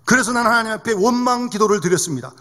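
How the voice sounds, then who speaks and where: A male pastor delivers a sermon with a high, animated voice that rises and falls a lot. He talks to the congregation in a conversational way and keeps asking them questions. The long reverb of a church hall hangs behind him. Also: rapid-fire. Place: church sanctuary.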